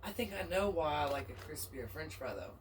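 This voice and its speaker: A woman's voice: deep voice, very animated, brisk, far from the mic, poor audio. A chatty, folksy woman with a Southern US accent talks casually over a meal, laughing easily. She sits a little away from the mic, and a faint hum of background noise runs underneath. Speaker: vlogger, mukbang co-host. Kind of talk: casual chat while eating.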